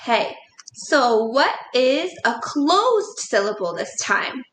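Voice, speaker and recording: Woman primary teacher, slow patient delivery, spells words aloud; roomy sound. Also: high voice, very animated, fairly bright tone, a little hiss or hum. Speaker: second grade teacher. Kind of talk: recorded classroom lesson.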